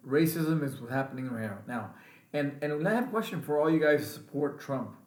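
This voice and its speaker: A man's voice: mid-range voice, animated, brisk, darkish tone. A male veteran vlogger giving an angry, emphatic political rant and repeating his points. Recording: roomy echo.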